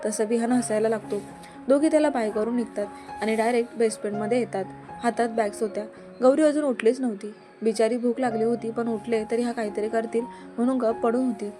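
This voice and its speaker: A woman narrating a serial story in a brisk, plain storytelling manner. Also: fairly high pitch, fairly even intonation. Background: background music.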